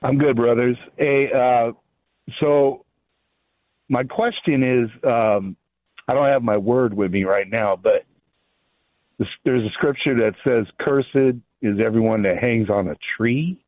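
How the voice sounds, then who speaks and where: A man calling in to a radio show over the phone, asking his question haltingly with fillers and restarts. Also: medium pitch, dry recording. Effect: phone line call-in. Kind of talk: call-in question. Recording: tinny phone line.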